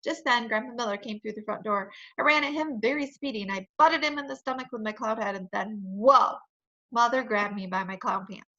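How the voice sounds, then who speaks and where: A woman reading a children's chapter book aloud in a playful, expressive storytelling manner. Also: on the high side, fast talker, hardly any pauses, highs cut off.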